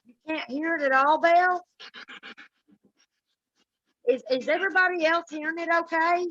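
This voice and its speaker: A woman's voice: very high voice, fairly even intonation, normal speed, a bit bright, no echo, lo-fi sound. A woman hosting a live paranormal session in casual chat, putting questions directly to spirits and viewers.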